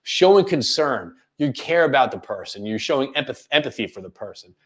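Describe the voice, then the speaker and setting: A man's voice: medium pitch, brisk. A man hosting a live coaching webinar, talking casually and demonstrating different speaking tones, often checking in with listeners. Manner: animated, demonstrates vocal tones, asks listeners questions; casual filler-laden delivery with frequent "right?".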